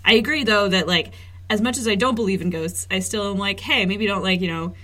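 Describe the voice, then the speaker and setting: A woman's voice: mid-range voice, fairly quick, bright, forceful tone. A young woman co-hosting a casual podcast, chatty and teasing, recorded under a blanket in a small fort. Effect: muffled by blankets, close and dampened. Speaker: podcast co-host. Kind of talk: casual chat.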